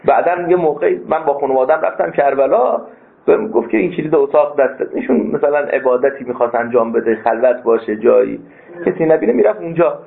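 A man teaching a philosophy class as a seminary lecturer, stressing key points with sudden leaps in pitch. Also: creaky. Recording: tinny phone-like sound.

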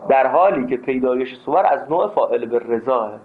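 A man teaching a philosophy class, speaking emphatically and breaking into anecdotes. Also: mid-range voice. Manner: emphatic, animated, tells anecdotes. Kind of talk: classroom lecture. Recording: tinny phone-like sound.

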